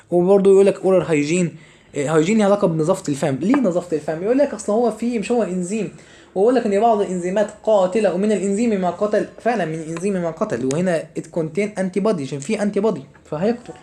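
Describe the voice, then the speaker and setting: A young man with an Egyptian accent explains a lesson at breakneck speed, firing questions and answering them himself. His voice sits a touch high but stays mellow and soft-edged. He talks himself short of breath. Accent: Egyptian Arabic. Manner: rapid, chatty, asks and answers his own questions. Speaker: teacher. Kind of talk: lecture to students.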